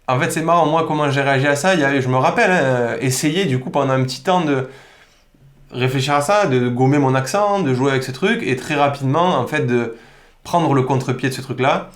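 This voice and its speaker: A man from Provence with a Provençal accent, a podcast guest telling stories in an animated, informal, slangy way. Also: mid-range voice, brisk. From Provence, southern France. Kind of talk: casual podcast conversation. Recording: roomy echo.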